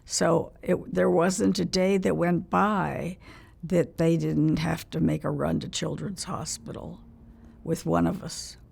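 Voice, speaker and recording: A very old woman in her nineties reminiscing in a casual interview, speaking haltingly in short phrases with pauses mid-sentence. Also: lowish voice, flat delivery, darkish tone. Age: 90s. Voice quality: very old woman's gravelly, creaky voice.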